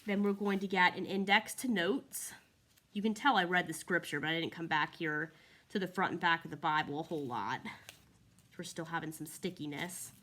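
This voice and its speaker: A woman's voice: fairly low pitch, fairly bright tone. Chatty woman reviewing a book. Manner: friendly, chatty, walks through pages while talking. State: slightly out of breath. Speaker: Bible reviewer. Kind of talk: casual product review.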